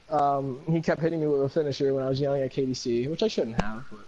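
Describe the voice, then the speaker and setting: A man's voice: medium pitch, steady tone, fast talker, dull audio, crowd noise. A man talking as a guest in casual chat, profane, rambling and heated.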